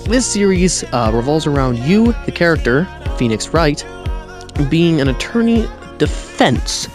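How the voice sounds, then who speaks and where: Rambling man muffled under a blanket. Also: medium pitch. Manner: rambling, self-correcting, jokey asides. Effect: muffled, recorded under a blanket. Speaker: game reviewer. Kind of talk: casual video game review. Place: under a blanket with pillows behind him.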